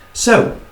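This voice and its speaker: A man's voice: echoey room, a little hiss or hum, low-quality recording. A man giving a chatty talk on personality types, with wry asides and repeated words. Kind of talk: talk to an audience.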